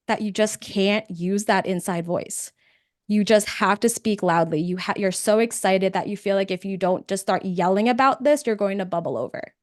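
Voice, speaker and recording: A woman's voice: mid-range voice, dry recording, clean studio sound. Chatty woman presenting a webinar. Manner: conversational, energetic, with frequent "um" fillers. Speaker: webinar presenter, podcast producer.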